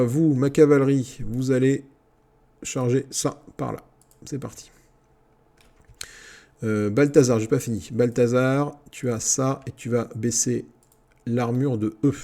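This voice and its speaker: A man giving casual Let's Play commentary on a strategy game, talking to his troops with excitable outbursts over keyboard typing. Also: medium pitch, creaky. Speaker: gaming YouTuber.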